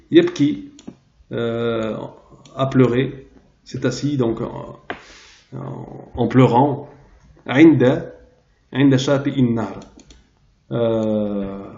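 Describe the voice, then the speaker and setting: A man teaching a translation lesson, pausing often and searching aloud for the right word. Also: mid-range voice, mellow. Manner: hesitant, searching aloud for words. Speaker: Arabic teacher. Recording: roomy, dull lo-fi sound.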